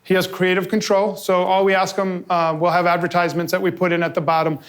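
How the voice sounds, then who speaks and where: A man from New York giving an energetic live presentation to an audience as a convention founder, telling stories with quick asides and quoted back-and-forth. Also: high voice. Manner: fast, animated storytelling with quick asides and quoted dialogue. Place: office event space with a live audience.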